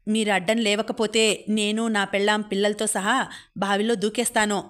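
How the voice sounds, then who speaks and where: A woman's voice: medium pitch, little pitch movement, normal speed, lightly acted. A woman narrator voicing a young husband who sternly defends his wife against his father, in an audiobook. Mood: indignant.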